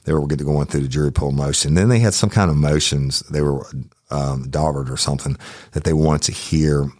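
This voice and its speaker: A man's voice: a bass voice, steady tone, a little fast, a little mellow, dry recording, studio quality. A man hosting a true crime podcast, telling a story in a casual, profane and heated way.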